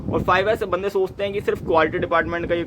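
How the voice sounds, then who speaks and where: A young man with a somewhat high voice explains workplace methods like a mechanical engineer talking to trainees. He keeps it conversational and drops in quick acted asides. A faint hum sits behind him. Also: fairly even intonation. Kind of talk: casual explanatory talk to camera.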